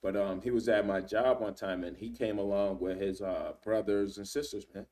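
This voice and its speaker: A man's voice: fairly low pitch, fairly even intonation, a little mellow, recorded from a distance. A man in his thirties giving casual Bible teaching, talking loosely with frequent "man" and "right?", reading verses aloud and stopping to look things up. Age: 30s. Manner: conversational, fills with "man" and "right?"; reads scripture aloud and pauses to search.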